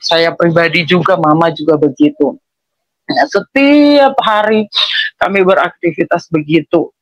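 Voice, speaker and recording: A woman's voice: fairly low pitch, unhurried, no room sound, dull audio. A woman giving a casual personal testimony, rambling and often correcting herself as she acts out talks with her family. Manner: rambling, with frequent self-corrections and restarts; acts out quoted dialogue with family.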